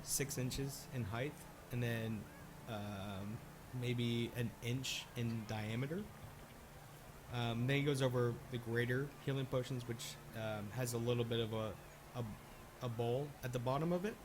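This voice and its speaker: A man's voice: medium pitch, a little slow. A man improvising narration as a tabletop game master, hesitant and thinking aloud. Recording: clear background noise.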